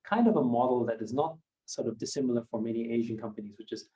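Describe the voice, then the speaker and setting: A company founder in his fifties from Austria, a native German speaker, is a guest on a podcast interview. He speaks in a measured, reflective manner with many hedging fillers, in a mellow, warm voice of middling male pitch.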